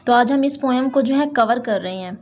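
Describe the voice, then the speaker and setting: A woman's voice: on the high side, a little mellow. Chatty woman teaching a poem. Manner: chatty, repeats "thik hai" and "doston", reads English lines slowly. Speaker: English literature teacher. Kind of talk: explaining a poem line by line.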